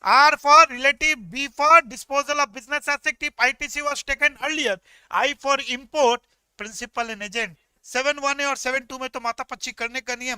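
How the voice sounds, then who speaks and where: A male tax teacher giving an energetic, joking classroom lecture, talking straight to his students. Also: very high-pitched, smooth, dry recording.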